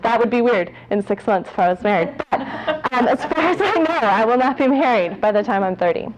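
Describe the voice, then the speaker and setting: A woman's voice: a little high, animated, brisk, crowd noise, low-quality recording. A woman in her late twenties giving a candid talk to an audience, joking at her own expense and laughing often as she talks. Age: 20s. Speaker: speaker at a public talk.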